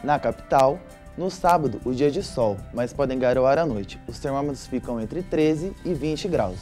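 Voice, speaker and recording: Young male weather presenter; mellow tone, steady scripted reading, faint music underneath. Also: medium pitch, moderate pace. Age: young adult. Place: studio with weather map.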